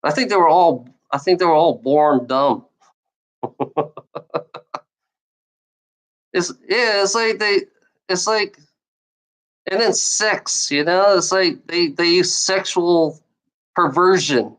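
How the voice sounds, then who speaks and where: A woman streamer with a lowish voice who stutters, speaking slowly with long pauses. She rants at the trolls in her chat, rambling and repeating herself, restarting phrases often and swearing.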